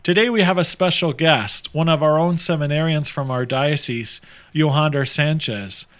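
A man, a priest hosting a faith podcast, who interviews his guest in a gentle, reflective way. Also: on the high side, normal speed.

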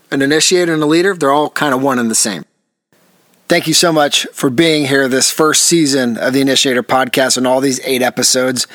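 A man's voice: a little high, a bit bright, no room sound. A man hosting his own podcast, talking straight to his listeners as folks in an earnest, encouraging way and often repeating or restarting his phrases. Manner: addresses listeners directly as folks. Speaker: podcast host. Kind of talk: solo podcast monologue.

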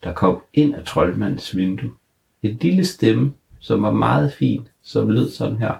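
A man's voice: fairly low pitch, animated, creaky, darkish tone, roomy sound. A man improvising a children's story, narrating playfully with laughing asides.

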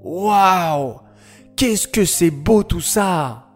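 A man voicing an eager, curious young boy who asks excited questions in a children's story. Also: high-pitched, extremely slow, soft background music, heavily acted.

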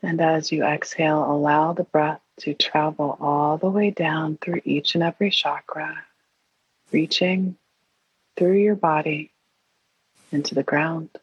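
A woman leading a guided meditation in an airy, breathy, soothing and hushed voice, leaving long pauses. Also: low voice, steady tone. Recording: roomy, dull lo-fi sound.

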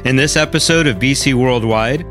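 A man's voice: medium pitch, normal speed, fairly bright tone. A man reading a scripted podcast introduction as the announcer. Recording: faint music behind. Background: faint music.

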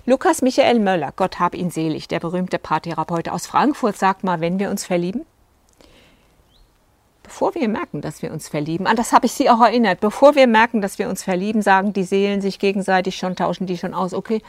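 A female couples coach tells stories from her sessions to video viewers, acting out the lines her clients said. Her mid-range voice is fairly quick with no echo, and her casual, chatty delivery is full of fillers and asides.

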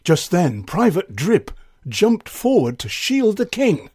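Playful slow-reading man storyteller. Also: high voice, wildly swooping pitch, darkish tone, husky, no room sound, clean studio sound. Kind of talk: children's story narration.

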